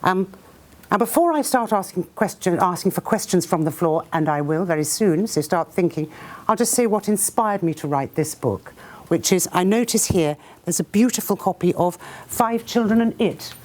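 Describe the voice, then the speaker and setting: Lively woman author reading aloud. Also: fairly low pitch, normal speed. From Britain. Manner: lively storyteller who acts out sounds and voices. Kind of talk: reading aloud then talking to an audience. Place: talk before a live audience.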